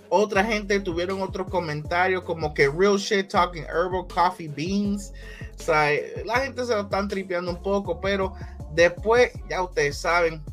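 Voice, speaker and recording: A man hosting a casual boxing commentary vlog, talking in a lively, hyped way and repeating catchphrases. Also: sits high.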